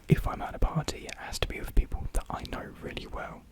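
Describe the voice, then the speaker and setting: Breathy, soft whispering from a young adult close to the mic, replying to viewer comments in a casual ASMR session. They talk fast, ramble, hesitate, and put themselves down along the way.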